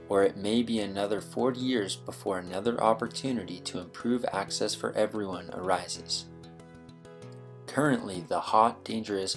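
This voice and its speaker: A man reading scripted promotional documentary narration as the narrator. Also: fairly low pitch. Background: music with plucked guitar.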